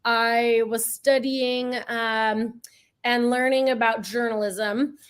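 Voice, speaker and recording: A woman's voice: on the high side, steady tone, slow pace, smooth. A woman as a podcast guest, telling her story in a thoughtful, hesitant way with fillers. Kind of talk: conversational interview.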